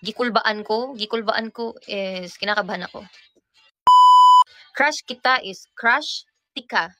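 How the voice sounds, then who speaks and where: A pop group member in her twenties from the Visayas, Philippines, chats casually with a Cebuano accent, teaching everyday phrases. Her medium-pitched voice is unhurried, and she's playful and giggly, switching languages freely.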